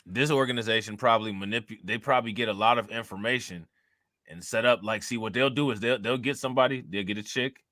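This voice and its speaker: Bright-voiced man telling it in slang. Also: on the low side, fast, no echo, clean studio sound. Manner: slangy storytelling, laughs often. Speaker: co-host of a reaction stream. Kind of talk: casual chat reacting to a clip.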